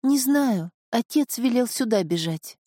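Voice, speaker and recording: A woman voicing an eager, impulsive young village girl in an audiobook, speaking in a hurried, breathless way. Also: a little high, expressive, dark tone, no echo, studio quality, voice pushed up.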